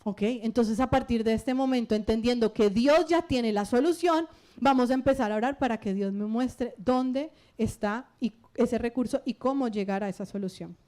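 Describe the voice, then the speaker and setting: A middle-aged woman with a Colombian accent preaches with lively energy, often turning to the congregation with questions. Her voice sits high and bright. She moves quickly between statements and questions. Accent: Colombian Spanish. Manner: animated, asks the congregation questions. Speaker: pastor. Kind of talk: lively sermon.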